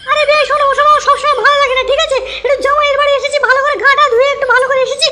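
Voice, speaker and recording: A woman's voice: extremely high pitch, flat delivery, very fast, bright, forceful tone, slight background noise. A woman playing an indignant middle-aged mother-in-law in a comic audio drama, scolding and fed up. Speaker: mother-in-law visiting her daughter's home.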